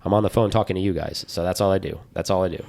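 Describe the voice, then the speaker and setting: His voice is deep and creaky, and he races along while co-hosting a podcast. The casual chat finds him rambling eagerly and telling stories with lots of animation.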